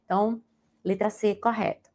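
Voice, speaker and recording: A woman's voice: medium pitch, fairly even intonation, normal speed, darkish tone. A young woman from Brazil, a Portuguese teacher, giving an exam-prep grammar lesson with a Brazilian accent and checking in with the class as she explains. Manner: explanatory, asks the class to check in with tag questions.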